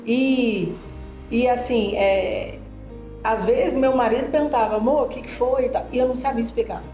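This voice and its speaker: A woman's voice: on the high side, moderate pace. A woman with a Brazilian accent chatting casually, telling a personal story full of fillers. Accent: Brazilian Portuguese. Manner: animated storytelling with many fillers. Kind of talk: casual chat. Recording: roomy sound with music behind.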